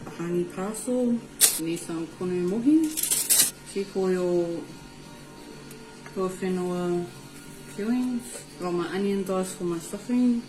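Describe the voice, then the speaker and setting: A woman's voice: on the low side, slow, long pauses. A woman with a New Zealand Māori accent giving an easygoing, informal cooking tutorial, mixing in Māori words. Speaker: home cook presenting a recipe. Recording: roomy echo with music behind. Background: music.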